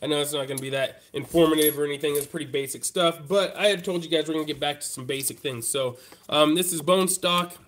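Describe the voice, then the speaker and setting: This man speaks quickly and with few pauses, his fairly high, fairly bright voice thick and congested from a cold. Sitting at a hobby workbench, he chats with live-stream viewers in a loose, easygoing way, talking right to them.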